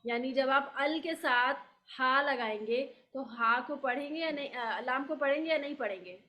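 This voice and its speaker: Female recitation teacher, bright slightly high voice, patient, spells out terms. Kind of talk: classroom lesson.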